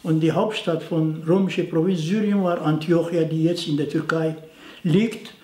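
An older man, an interviewee from near the Syrian border in Turkey whose first language is Aramaic, explains something to camera in an indoor study lined with bookshelves. His speech is halting, full of fillers and non-native grammar. The voice is on the high side, steady in tone and mellow, with a reverberant sound.

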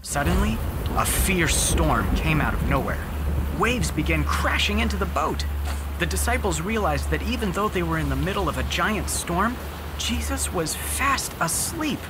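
Lively children's Bible story narrator. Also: medium pitch, moderate pace. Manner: friendly, explaining simply. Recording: music underneath.

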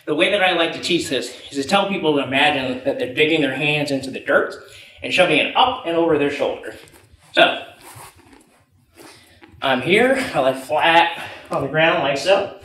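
A young man coaching jiu-jitsu gives instructions while demonstrating moves on the floor of an indoor matted gym, staying physically active as he talks. His voice is a little high and a bit bright, at a normal speed with frequent pauses. The recording is echoey, with a distant mic and background noise.

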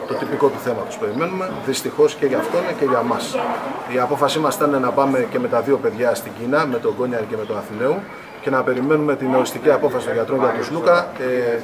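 A middle-aged man, a national team coach, giving measured post-game remarks to reporters at an arena press wall. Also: medium pitch. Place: arena press area in front of a sponsor wall. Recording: noisy arena press area.

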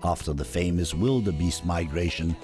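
Male narrator for nature documentary, low register, music underneath. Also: normal speed.

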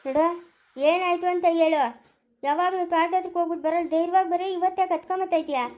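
A woman's voice: very high-pitched, fairly even intonation, fast, a little mellow. A woman, acting a caring elder sister-in-law who keeps pressing with questions. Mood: coaxing. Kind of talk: amateur family drama acting.

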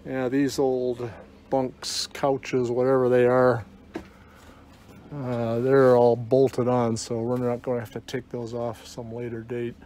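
A man's voice: mid-range voice, monotone, takes it slowly, warm tone. A man giving a casual, offhand walk-through, rambling a little and dryly joking, his voice slightly muffled through a face mask. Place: inside an old bus at a scrapyard. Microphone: handheld phone. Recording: noisy handheld phone recording, vehicle ambience.

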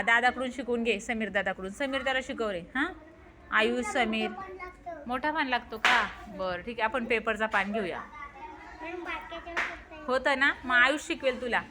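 A woman's voice: fairly high pitch, unhurried, long pauses, over a noisy crowd, heavy background noise. A woman teacher talking cheerfully with schoolchildren, exclaiming and calling out their names. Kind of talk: lively classroom talk with children.

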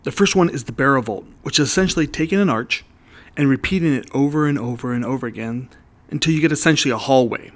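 A man narrating an art history lesson in voice-over, calmly explaining ideas step by step. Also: mid-range voice, fast talker. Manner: explanatory, walks the listener through ideas step by step.

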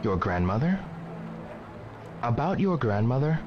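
A man's voice: medium pitch, big pitch swings, measured pace, noisy background. A man playing a stoic, polite young man in a video game, with a serious, clipped delivery. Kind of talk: scripted video game dialogue. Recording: dull, compressed game audio. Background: clear background music.

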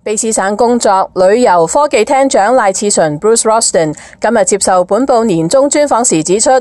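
A woman's voice: a little high, lively intonation, normal speed, darkish tone, dry recording. A woman narrating a scripted news report.

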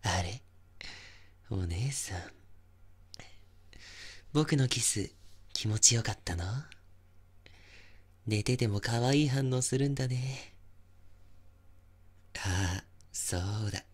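A man playing an obsessive, possessive young stalker in an intimate ASMR voice drama, softly coaxing and teasing with menace. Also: medium pitch, slow pace, pauses often, slightly rough. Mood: tender, possessive, menacing.

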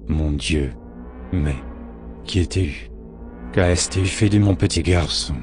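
A man's voice: deep voice, slow pace, over music. A man voicing a frightened, grieving father in a horror story reading, distraught and pleading. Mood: anguished.

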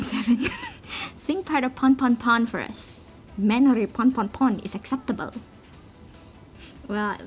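On a low-quality recording, a mid-range, slightly mellow female voice chats casually and ramblingly with online listeners. Playful, giggly and quick to tease herself, this amateur cover singer is answering a voice meme while music plays behind her.

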